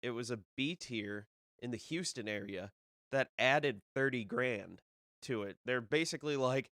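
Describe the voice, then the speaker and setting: Talking solo on a laid-back live stream, the young disc golf podcast host rambles, filling gaps and starting sentences over. He speaks a little slowly in a medium-pitched, fairly bright voice that is smooth and resonant, though a cold makes it slightly nasal. There's no room echo; the sound is dry and close.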